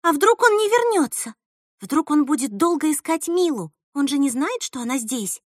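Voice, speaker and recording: Woman doing a scared teen girl for an audiobook: high, timid, halting, dry close mic. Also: expressive, fairly bright tone, dry recording, full character voice. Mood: frightened. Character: frightened teenage girl Nastya. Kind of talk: audiobook reading.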